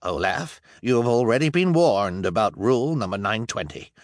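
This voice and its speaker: A man's voice: on the low side, animated, moderate pace, no room sound, clean studio sound. A man doing a stern, officious town elder.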